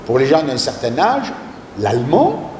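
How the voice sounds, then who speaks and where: A man's voice: medium pitch, huge pitch swings, unhurried, a little mellow, a little hiss or hum. A man giving a lecture to a live audience, often turning to his listeners with rhetorical questions and a questioning "hein". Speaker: speaker at a public talk and debate. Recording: echoey hall with long reverb, faint ambience.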